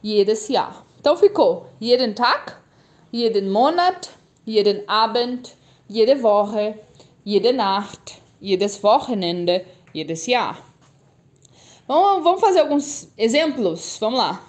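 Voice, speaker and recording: Young woman, German teacher, slow and clear, repeats for learners. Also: on the high side, expressive, a little mellow. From Brazil. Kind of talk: language lesson.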